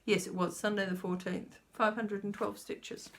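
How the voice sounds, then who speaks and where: Checking her notes and talking to herself, a middle-aged woman rambles through a casual cross-stitch update. Her voice is medium-pitched and level, at a moderate pace, with faint noise in the background.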